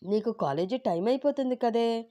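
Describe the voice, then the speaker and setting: A woman's voice: fairly high pitch, lively intonation, normal speed, dark tone, lo-fi sound, pitched above the performer's own voice, lightly acted. A woman voicing a fussy, doting mother-in-law. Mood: coaxing. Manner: fussy and fondly protective. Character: fretful middle-aged mother-in-law, doting. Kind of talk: storybook narration.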